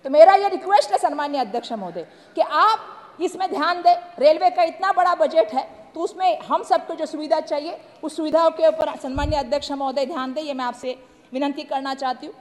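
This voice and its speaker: A woman's voice: high voice, a little fast. A woman from Maharashtra giving a parliamentary speech, speaking emphatically and repeatedly addressing the chair. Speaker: member of parliament. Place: large parliament chamber. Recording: echoey chamber reverb.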